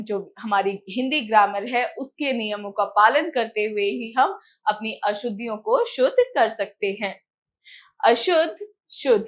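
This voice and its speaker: A woman teaching a grammar lesson to young children, explaining step by step. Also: fairly high pitch.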